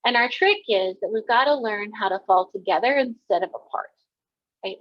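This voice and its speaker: A woman's voice: medium pitch, moderate pace, no room sound, lo-fi sound. A woman in her thirties, a counselor giving a candid, conversational talk full of fillers and personal stories. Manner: chatty and candid, many fillers, personal storytelling. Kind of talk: conversational presentation.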